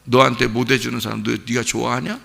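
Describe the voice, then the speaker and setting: A man's voice: medium pitch, flat delivery, fast talker, gravelly, sharp tone, exaggerated voice. A man voicing the devil as a sly male tempter in a sermon, taunting and needling the listener.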